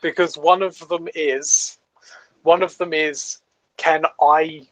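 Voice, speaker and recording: A man's voice: a little high, little pitch movement, slow, a bit bright, no echo, rough recording. A man playing a tabletop game, stammering as he thinks his options through aloud. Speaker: player.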